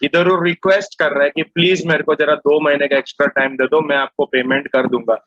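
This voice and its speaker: Animated Mumbai Hindi commerce teacher, bright voice. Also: male voice, on the high side, fairly quick, no room sound, muffled recording. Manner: animated storyteller mixing English into Hindi, asks students questions. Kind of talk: classroom lecture with acted story dialogue.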